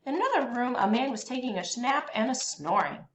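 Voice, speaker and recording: Using a fairly high voice, a woman reads a picture book to young children with expressive, carefully paced storytelling. The room echoes noticeably, and there is faint background noise.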